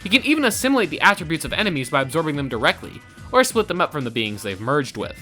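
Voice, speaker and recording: A man's voice: a little high, very animated, quick pace, bright, forceful tone. A man delivering scripted narration for a versus show in a dramatic, theatrical storytelling manner. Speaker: show co-host. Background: faint background music.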